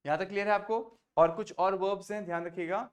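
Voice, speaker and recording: A man's voice: sits high, fairly even intonation, fast talker. A male French teacher, patiently explaining verb forms in a mix of Hindi and English and checking often that everyone follows. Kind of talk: online class teaching.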